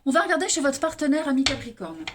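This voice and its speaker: In a very noisy recording, a woman with an eastern French accent talks fast through her monthly tarot reading, her high voice swinging widely in pitch. She speaks straight to the audience and tags many sentences with "hein."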